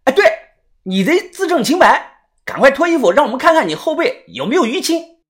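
Excitable young man, voiced by a man, high, fast, crude, yelling. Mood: accusing.

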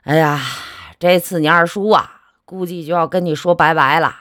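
A woman voicing a weary, fatalistic middle-aged rural uncle who talks in a gruff, scolding, sighing way. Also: lowish voice, fairly even intonation, normal speed, fairly bright tone, no echo, clean studio sound, natural voice.

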